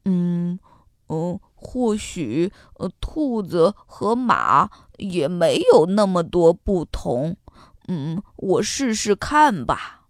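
A woman's voice: on the low side, sing-song, drawn-out words, no room sound, clean studio sound, pitched below the performer's own voice, full character voice. A woman doing a hesitant kind horse doctor. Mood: musing. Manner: hesitant, full of ums. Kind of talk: storybook character voice.

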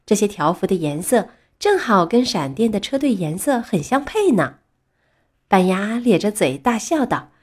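A woman narrating a children's storybook in a lively, expressive way. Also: medium pitch, husky.

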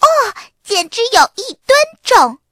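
Lady doing a shrill little sister aardvark, sassy, very high and swoopy, kids picture book. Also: big pitch swings, a little slow, a bit bright, no echo, clean studio sound, heavily acted. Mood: strained.

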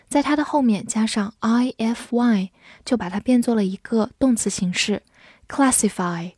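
Mellow woman teaching English words. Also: on the high side, slightly rough, no room sound, studio quality. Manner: spells words letter by letter, reads examples slowly. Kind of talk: vocabulary lesson with slow read-alongs.

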